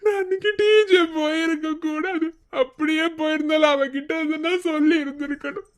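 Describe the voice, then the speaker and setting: A woman's voice: high voice, steady tone, natural voice. A woman voicing a heartbroken young husband in a cartoon, crying through wailing lines with a Madurai Tamil accent. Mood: sobbing. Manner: wailing, broken, drawn-out lines. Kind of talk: cartoon voice acting.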